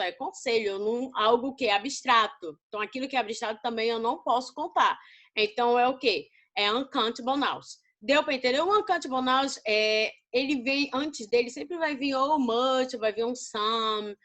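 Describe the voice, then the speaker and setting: A Brazilian woman teaching an English lesson to students, explaining slowly and often checking whether they understand. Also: high-pitched, fairly bright tone. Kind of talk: recorded class lesson.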